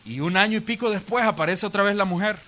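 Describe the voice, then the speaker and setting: A man's voice: high-pitched, quick pace, pushed and bright. A man preaching a Sunday sermon, retelling stories with playful asides and acted quotes. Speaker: pastor. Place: church auditorium.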